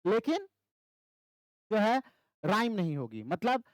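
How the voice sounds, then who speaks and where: A man's voice: high voice, huge pitch swings, slow pace, no echo, rough recording. Guy teaching poetry meter for exams, keeps repeating terms, bouncy voice. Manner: repeats key terms, asks and answers own questions. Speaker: English literature teacher. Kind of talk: exam-prep lecture.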